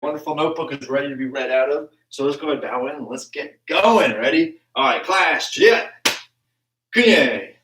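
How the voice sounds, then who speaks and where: This young man's bright, mid-range voice comes a little fast with few pauses as he runs a live-streamed martial arts class from his home basement. He's casual and chatty, with many ums. The mic sits far away in an echoey room.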